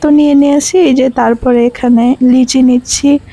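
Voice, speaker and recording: A young woman with a Bangladeshi Bengali accent, hoarse from a cold and fever, chatting through voice-over narration of her travel vlog. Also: high-pitched, steady tone, normal speed, mellow, low-quality recording. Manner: chatty, conversational storytelling. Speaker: vlogger.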